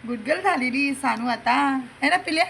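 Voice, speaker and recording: A young woman talks to her daughter at home in a coaxing, playful way. Her voice sits high and bright, with some fry at the ends of phrases. It is a phone recording with a faint hiss underneath. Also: lively intonation, a little fast, low-quality recording. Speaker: mother filming her daughter. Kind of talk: casual home chat with a child. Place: home indoors.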